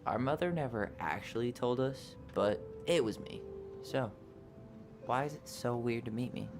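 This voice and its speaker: An actor playing a wry, guarded young man in a video game, quietly playful, with a dry, understated delivery. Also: medium pitch, expressive, moderate pace, lightly acted. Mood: casual, guarded. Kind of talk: naturalistic video game voice acting. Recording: dialogue under loud music.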